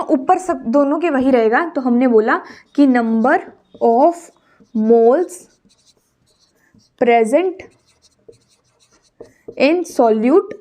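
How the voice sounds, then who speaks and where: Woman, chemistry teacher, high-pitched, unhurried, repeats terms while writing. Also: darkish tone. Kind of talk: classroom lecture, Hindi-English mix.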